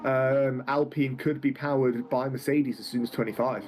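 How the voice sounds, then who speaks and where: A man's voice: mid-range voice, steady tone, darkish tone, a little hiss or hum. A man of twenty commentating a sim racing event live, calling the action and joking with his co-host. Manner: joking, quick banter between race calls.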